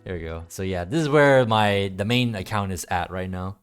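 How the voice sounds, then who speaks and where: A man with a low, smooth voice talks casually through his game stream. He rambles and hesitates while thinking out loud, often repeating phrases, and game music runs behind him.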